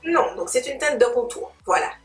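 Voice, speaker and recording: A beauty vlogger demonstrates makeup in a casual tutorial, chatting playfully in slang and addressing viewers as friends. Her high voice is expressive and at normal speed. The recording is roomy, with a distant mic and music in the background.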